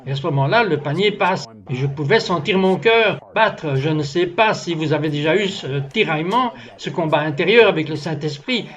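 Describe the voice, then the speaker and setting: High-voiced man dubbing a testimony. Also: lively intonation, normal speed, hardly any pauses, a bit bright, muffled recording. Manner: earnest storytelling, acts out the dialogue of his story. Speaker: interview guest telling a testimony. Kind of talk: French voice-over dub of a testimony.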